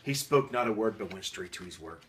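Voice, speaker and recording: A man playing a jolly, hearty old Santa Claus, giving an expressive theatrical reading of a bedtime storybook. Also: fairly low pitch, a little fast. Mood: storytelling. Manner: jolly, expressive, with dramatic emphasis. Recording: faint background noise.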